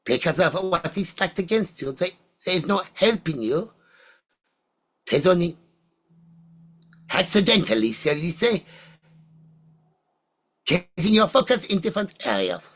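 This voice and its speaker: A husky voice of ambiguous sex, mid-pitched, speaks as a seance medium channelling spirits. The phrasing is halting and deliberate, breaking into short oracular fragments as answers are given in trance. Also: very animated, a bit bright.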